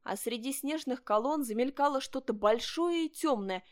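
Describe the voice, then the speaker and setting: A woman reading a children's story aloud, narrating in a lively, expressive way. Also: sits high, moderate pace.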